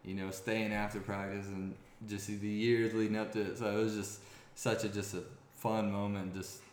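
A young man with a somewhat low voice tells a sports story in casual interview talk. He rambles and restarts often. The room around him rings with echo. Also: normal speed, slight background noise. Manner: rambling, many restarts, grows excited. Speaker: former college quarterback guest. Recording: echoey room.

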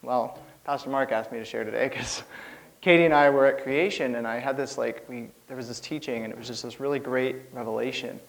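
A man's voice: medium pitch, fairly even intonation, a little fast, creaky, poor audio. A young man giving an informal church sermon, rambling nervously with lots of fillers and laughs.

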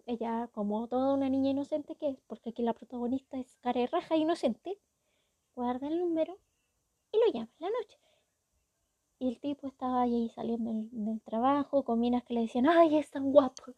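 Chatty Chilean woman with a high voice. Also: brisk, dry recording, highs cut off. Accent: Chilean Spanish. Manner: chatty, wry, indignant asides. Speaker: storyteller. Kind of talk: casual story recap.

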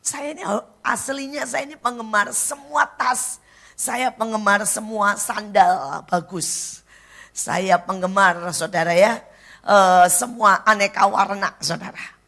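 During a church service, a woman evangelist with an Indonesian accent delivers a blunt sermon in a slow, gravelly, mid-range voice. She drops to hushed near-whispers, then rises into loud exclamations.

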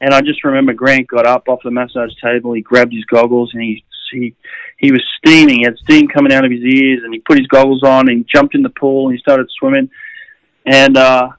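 A middle-aged Australian man tells stories from his swimming days in a casual, animated way, often restarting his sentences. His voice sits in a middle register, and the sound is dry and close with no room echo. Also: mid-range voice, a little fast. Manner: animated anecdotes with frequent restarts and "uh"s. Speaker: swimming coach and former swimmer. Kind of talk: casual storytelling.

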